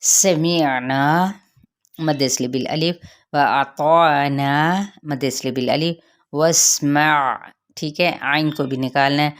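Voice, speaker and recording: A woman with a Pakistani Urdu accent teaches Quran recitation rules, drawing out each word slowly before explaining it quickly. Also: extremely low pitch, steady tone. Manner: slow, drawn-out sounding of each word, then quick explanations.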